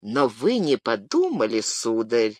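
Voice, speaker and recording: A cold, contemptuous English lord who governs the town, as an audiobook reader puts him on. The voice moves widely in pitch and sounds dry and close to the mic. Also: very animated, slow, a bit bright, dry recording, exaggerated voice. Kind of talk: audiobook character reading.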